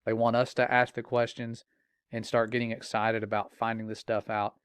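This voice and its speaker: A man's voice: lowish voice, little pitch movement, normal speed, fairly bright tone, clear, resonant tone, no echo. A man earnestly warning other parents in a preaching, urgent tone. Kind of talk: earnest spoken warning to viewers.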